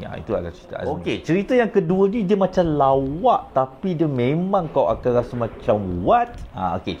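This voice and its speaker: A man's voice: lowish voice, warm tone, highs cut off, a little hiss or hum. A man, a rehab counselor telling stories about his clients in a casual, rambling way, dropping in English words. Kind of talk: casual storytelling vlog.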